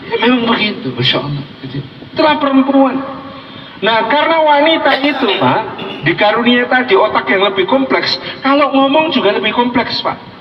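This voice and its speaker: High-voiced preacher joking in a big hall. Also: male voice, very animated, moderate pace, slight background noise. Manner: jokey, addresses the men in the audience directly. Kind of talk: humorous sermon. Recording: distant, dull hall recording with long reverb.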